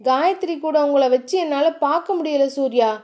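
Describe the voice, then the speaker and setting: A woman's voice: high-pitched, normal speed, a little mellow, natural voice. A woman voicing a hurt young wife, indignant and tearful in her pleading.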